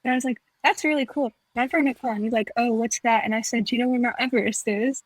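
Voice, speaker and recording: A young adult podcast co-host, she speaks fast in a fairly high voice with fairly even intonation. Her casual chat is filler-heavy, and she acts out exchanges she recalls. There's no echo, but the audio quality is poor.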